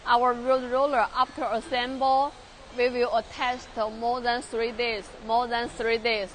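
Chinese-accented woman giving slow factory tour. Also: fairly high pitch, flat delivery, noisy background. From China. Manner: halting non-native English, repeats words, many fillers. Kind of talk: live factory tour walkthrough. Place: large industrial workshop and outdoor factory yard.

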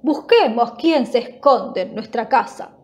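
A woman voicing a big, stern papa bear in a children's storybook, speaking in loud, grumbling declarations. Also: on the high side, expressive, unhurried. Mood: scolding. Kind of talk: storybook voice acting.

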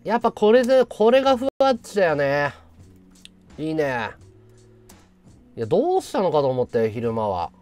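A man in his thirties hosting a casual livestream, thanking viewers in excitable, loud bursts. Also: a little high, moderate pace, long pauses, soft background music. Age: 30s. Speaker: livestream host.

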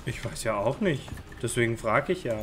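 A woman chatting casually on a stream, asking puzzled questions in a deadpan way. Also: a bass voice, moderate pace, noisy background. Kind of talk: casual gaming stream chat.

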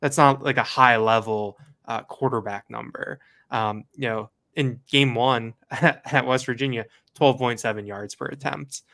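A man's voice: medium pitch, fairly even intonation, measured pace, gravelly, sharp tone. A man co-hosting a sports podcast, casually breaking down the game and rattling off stats with plenty of fillers. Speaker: podcast co-host.

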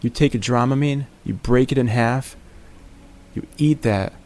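A man in his forties commentates on gameplay like a joking morning DJ, calling viewers "baby" and "my friends" and drifting into tangents. His mid-range voice has a darkish tone and a slightly slow pace.

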